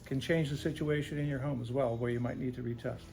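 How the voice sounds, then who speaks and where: A radon remediation specialist answers interview questions, explaining things simply and often checking in with "right?". His mid-range voice is steady, creaky and darkish, and he speaks fast.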